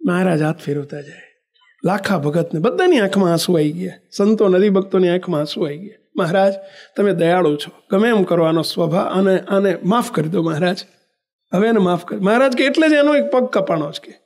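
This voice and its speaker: A man from western India, preaching a devotional sermon as an animated storyteller who acts out the characters' dialogue and chants verses. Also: high voice, fairly quick. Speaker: religious preacher.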